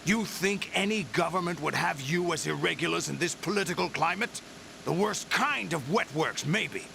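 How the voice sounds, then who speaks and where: A man playing a menacing older villain commander in a video game, deliberate and condescending in dramatic delivery. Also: fairly high pitch, animated, gravelly, bright, forceful tone, slight background noise, exaggerated voice. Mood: stern, threatening.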